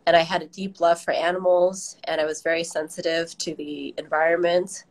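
Speaking at a normal speed with a level tone, this woman has a voice on the low side. She is a middle-aged garden director from Southern California with an American accent, reflecting on interview questions by video call from home, her device at arm's length.

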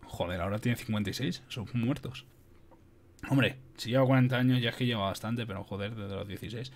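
A man's voice: fairly low pitch, fairly quick, a little hiss or hum. Man reading aloud casually. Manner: casual, swears, adds asides. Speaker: audiobook reader. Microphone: home microphone.

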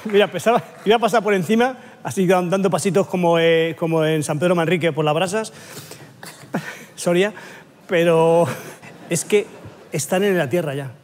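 A man's voice: high voice, moderate pace, pauses often. A man on a comedy panel show, telling a rambling, exaggerated story with lots of swearing and laughing. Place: TV studio with live audience.

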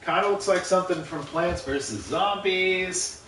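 A man's voice: high-pitched, a little slow, fairly bright tone. A man giving casual gameplay commentary on a livestream, thinking aloud and reading chat messages. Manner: musing, reads chat aloud, laughs often. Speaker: livestream gamer. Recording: roomy room, distant mic, faint noise.

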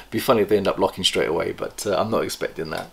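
Low-pitched, creaky and husky yet lively in intonation, a middle-aged man hosts a chatty snake-breeding vlog from an indoor reptile room. His casual show-and-tell is enthusiastic, with pauses to recall details. The camera records him from across a table.

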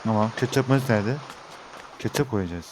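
A young Turkish gaming YouTuber does let's-play commentary in a lowish voice, speaking a little fast over a noisy background. He talks to his viewers as he plays and grows exasperated with the game.

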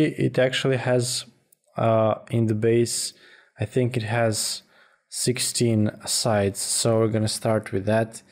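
Male software tutor, informal voice-over. Slightly deep, monotone, hesitant, with repeated words. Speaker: tutorial instructor. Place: voice-over for a screen recording.

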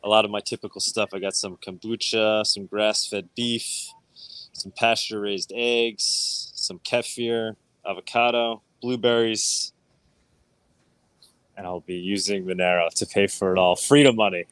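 Speaking into a wired earphone mic, a middle-aged correspondent vlogs from an indoor grocery checkout, talking excitedly to camera, laughing, and interviewing the store owner casually. His voice is lowish, clear and resonant, a little slow, with no echo.

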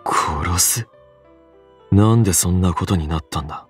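A man's voice: deep voice, quick pace, husky. A man voicing a guarded young man in a visual novel, asking level, probing questions over game music. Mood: questioning. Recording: faint game music behind.

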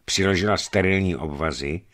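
A man reading an adventure novel aloud in expressive first-person narration. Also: low-pitched. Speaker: audiobook reader.

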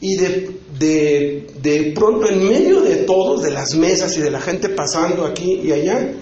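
A man in his fifties preaching at a conference, his voice sitting high for a man. He tells his story in a loose, chatty way, tossing in little tag questions. The hall rings with heavy echo and the sound is a bit dull. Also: expressive, unhurried, mellow. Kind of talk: conference sermon testimony.

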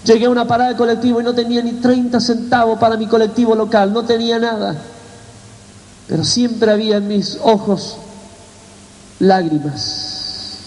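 A man's voice: extremely high pitch, little pitch movement, brisk, a little mellow. A man with an Argentine Spanish accent giving his testimony as a sermon, in an emotional, tearful storytelling way. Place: church hall. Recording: church hall reverb.

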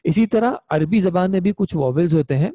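With a high-pitched, expressive, dark-toned voice and a slightly fast delivery, a young man leads an online Arabic grammar lesson. There's no room sound. He patiently walks through the material step by step, frequently asking students "ठीक है?".

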